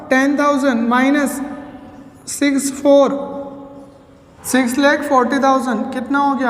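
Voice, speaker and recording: A woman physics teacher working through a problem step by step, asking the class questions and answering them herself, and reading the English problem text slowly. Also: high voice. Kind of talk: step-by-step lecture solving a problem. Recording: echoey room with long reverb.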